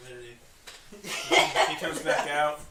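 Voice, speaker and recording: A man's voice: on the high side, steady tone, slow, distant mic, a loud crowd. A man narrating as dungeon master in a loose, chatty way, full of fillers, recorded in an echoey room away from the mic. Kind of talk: narrating a tabletop game.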